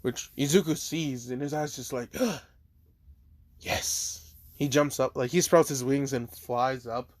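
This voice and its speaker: Chewing food as he talks, a man casually rambles through a fan story, peppering it with "like" and the odd swear word. His medium-pitched voice is fairly even, at normal speed with few pauses and no room sound.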